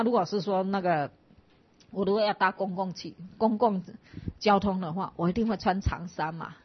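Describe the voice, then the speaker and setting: Woman, Buddhist nun, husky mid voice, chatty storyteller who acts out the dialogue, muffled lo-fi tape. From Taiwan. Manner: chatty, acts out quoted dialogue with lively pitch jumps. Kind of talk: casual storytelling talk. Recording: dull lo-fi recording.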